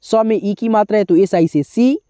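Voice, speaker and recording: A woman's voice: mid-range voice, moderate pace, dark tone, dry recording, studio quality. A woman teaching a spelling lesson, reading out syllables one by one and adding short explanations. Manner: drills syllables letter by letter, adds brief explanations.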